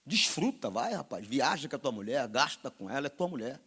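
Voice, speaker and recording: A man with a Brazilian Portuguese accent preaching a sermon as pastor, swinging between loud exhortation and quiet, confiding asides. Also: mid-range voice, big pitch swings, a little fast, husky.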